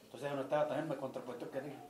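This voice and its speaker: A man in the group retelling an argument in a fast, rambling way, heard from far off in an echoey room. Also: mid-range voice, level tone, a crowd in the background. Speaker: group member sharing a story.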